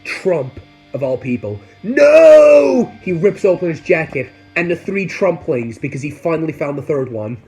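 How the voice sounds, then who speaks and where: A man on a comedic storytelling vlog, swinging between excited yelps and mock-solemn mutters as he recounts an absurd saga. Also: fairly high pitch, moderate pace, husky, soft background music, low-quality recording. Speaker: YouTuber.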